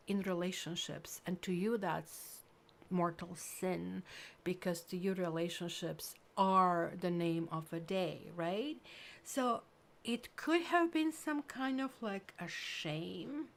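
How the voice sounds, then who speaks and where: Woman, 50s, lower register, casual rambling tarot reader. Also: slow, gravelly. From Croatia. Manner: chatty, rambling, full of "like" and "kind of", lively bursts. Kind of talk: casual tarot reading to camera.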